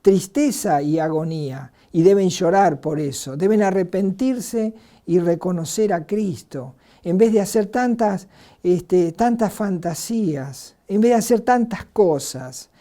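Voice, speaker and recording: An Argentine woman preaching a sermon in an earnest way, asking rhetorical questions and pausing on filler words. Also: fairly low pitch, lively intonation, mellow. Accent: Argentine Spanish.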